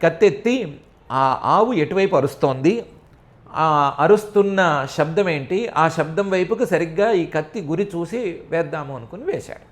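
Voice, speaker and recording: Middle-aged man with a Telugu accent, somewhat high-pitched, chants a verse and then unpacks it as a story. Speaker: scripture expounder. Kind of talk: devotional scripture discourse.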